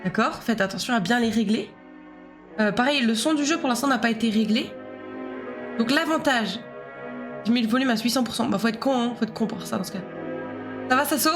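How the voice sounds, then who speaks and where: A woman's voice: fairly high pitch, fairly quick, pauses often, over music. A young woman chatting casually with her viewers while she streams a game, joking and talking to her chat. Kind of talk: casual live game commentary.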